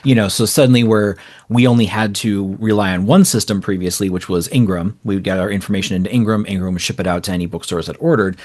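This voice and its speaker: A man from a small indie publisher, appearing as an interview guest, gives casual, explanatory answers in long, rambling, informal runs. His voice is on the low side with a darkish tone, and he talks fast.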